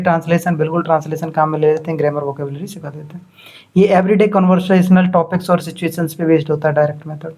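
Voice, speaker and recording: A man's voice: on the high side, mellow. A man, lecturing to students and explaining points by repeating and contrasting them. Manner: explains by contrast and repetition, reads English terms slowly. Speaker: teacher. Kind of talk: classroom lecture.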